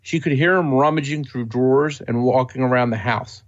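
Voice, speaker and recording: A man co-hosting a podcast, reading a scripted true-crime narration in a steady, matter-of-fact way. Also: medium pitch, moderate pace, dull audio. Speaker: podcast co-host.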